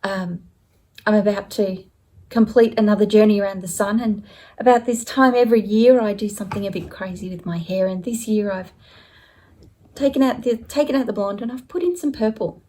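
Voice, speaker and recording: A woman's voice: mid-range voice, normal speed, dark tone. A woman chatting casually at home about her stitching projects, rambling a little and correcting herself as she goes. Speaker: stitching vlogger. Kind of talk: casual show-and-tell chat.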